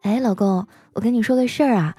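A woman's voice: on the high side, fast talker, dark tone, breathy edge, dry recording, faint music behind. A woman voicing a bossy, sly young wife who gives her husband orders in a sweet, commanding way. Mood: teasing.

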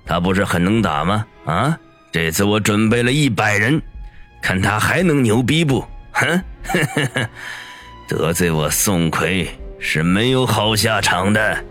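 A man's voice: lowish voice, expressive, a little slow, a bit bright, soft background music, pitched above the performer's own voice. A man voicing an arrogant, lecherous young gang boss who sneers and gloats with menacing chuckles in an audiobook. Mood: gloating. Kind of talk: audiobook character voice.

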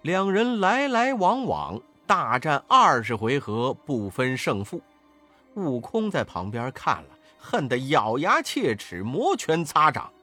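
A man reads a children's storybook aloud at an unhurried pace. His voice climbs and falls widely with drama. Faint music plays beneath the narration. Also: on the high side. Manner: slow, expressive, dramatic storytelling.

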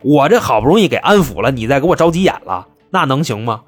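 A man's voice: mid-range voice, very animated, fast, slightly rough, soft background music. A man voicing a male police negotiator who talks in a soothing, wheedling way. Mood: placating. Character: placating male police negotiator, smooth talker.

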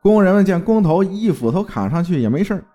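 A man's voice: high-pitched, big pitch swings, quick pace, mellow. A man from Fujian narrating a folk tale in a dramatic storytelling manner. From Fujian, China.

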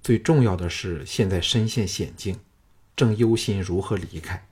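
Guy playing a gentle young hero, low and kinda husky, soft reassuring tone. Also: expressive, fairly quick.

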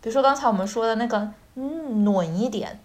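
A woman's voice: on the high side, a little fast. A woman hosting a casual language-lesson chat, explaining things and checking in as she goes. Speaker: podcast host.

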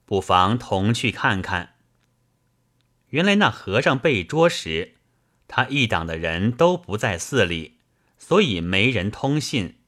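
A man reads a classic novel aloud slowly and expressively, like a storyteller. His low voice is still bright and forceful, with intonation that rises and falls in a lively way.

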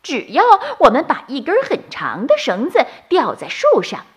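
A woman's voice: high voice, wildly swooping pitch, normal speed, husky, pitched above the performer's own voice, exaggerated voice. A woman voicing a clever, confident little rabbit, the eldest sibling, in a bedtime story. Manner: bright and self-assured.

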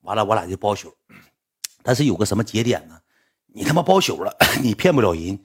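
A man's voice: lowish voice, big pitch swings, fairly quick, breathy edge. A man with a northeastern Chinese accent telling a casual story in a rambling way, repeating words and acting out what others said.

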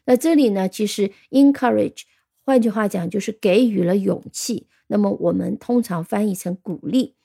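A woman's voice: mid-range voice, moderate pace, vocal fry, warm tone. A woman teaching English vocabulary, patiently explaining and spelling words out letter by letter, with frequent fillers. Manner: frequent fillers, switches between Chinese and English. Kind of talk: spoken vocabulary lesson.

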